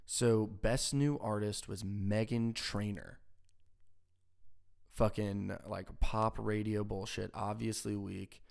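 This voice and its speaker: Young male podcaster, low gravelly voice, swears freely, exasperated rambling home-mic rant. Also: fairly even intonation, takes it slowly, a little mellow. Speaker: podcast host. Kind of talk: casual solo podcast rant. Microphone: home podcast mic with crackling.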